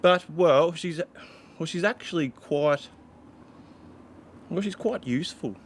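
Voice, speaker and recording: A man's voice: fairly high pitch, slow, a little hiss or hum. An actor playing a brash, scheming male crook, rambling and swearing heavily in a radio drama.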